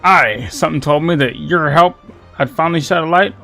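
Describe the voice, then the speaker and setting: A man's voice: fairly high pitch, brisk, gravelly, sharp tone, faint music behind, pitched above the performer's own voice. A man voicing a seafaring male explorer captain in a pirate drawl, reading game lines aloud and stumbling over the names. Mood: yarn-spinning.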